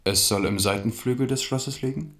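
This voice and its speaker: A man's voice: medium pitch, moderate pace, fairly bright tone, natural voice. Actor as an amorous, commanding French king. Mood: wry, confident. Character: King Henri, worldly amorous monarch, passionate and commanding. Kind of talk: 1970s German radio drama acting.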